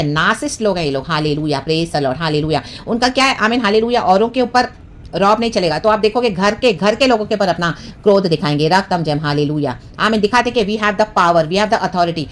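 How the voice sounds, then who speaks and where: A woman's voice: mid-range voice, a little hiss or hum. A woman preaching a devotional sermon, mixing English phrases and often repeating hallelujah and amen. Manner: fervent, peppered with hallelujah and amen.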